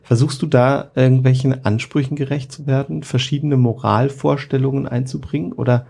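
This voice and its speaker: A man's voice: mid-range voice, fairly even intonation, a little fast, vocal fry, dark tone. A man interviewing a guest in an agreeable, reflective way, often affirming. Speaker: interviewer, church worker. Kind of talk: conversational interview.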